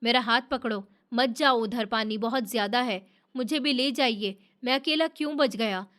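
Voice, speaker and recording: Lady doing a broken grieving dad, tired pleading voice, kinda high. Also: normal speed, fairly bright tone, lightly acted. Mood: frantic. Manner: pleading, weary. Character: grief-stricken middle-aged man, gentle, haunted by loss.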